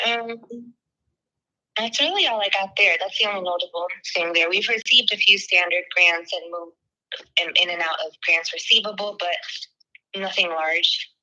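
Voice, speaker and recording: A woman heard over a speakerphone, reading a financial report in a steady, businesslike way. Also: medium pitch, poor audio. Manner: steady, businesslike, walks through figures item by item.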